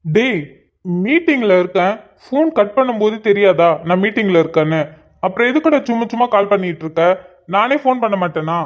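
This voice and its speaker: A man voicing a vengeful hot-headed businessman, high and muffled. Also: animated, fairly quick. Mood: irritated. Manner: snappish, menacing. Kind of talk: cartoon voice acting.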